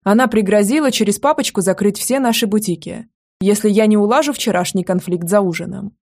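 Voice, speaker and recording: Woman doing a brash, loud young guy, indignant, slightly gravelly storybook voice. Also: medium pitch, a little fast, close to an everyday voice. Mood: insistent. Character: brash loud young man, boutique owner.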